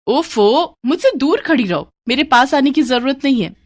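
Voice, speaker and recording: A woman's voice: high voice, expressive, no room sound, studio quality, voice pushed up. A woman doing a strict scolding schoolteacher. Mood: irritated. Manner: scolding, sharp and brisk. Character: strict impatient female schoolteacher, adult. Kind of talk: storybook voice acting.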